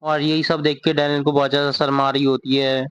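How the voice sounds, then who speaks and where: A man narrates a comic recap in a steady, casual flow. His voice is a touch high but almost monotone, smooth and clear. The sound is dry and somewhat dull, like a lo-fi recording. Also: brisk, dry recording. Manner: steady running retelling.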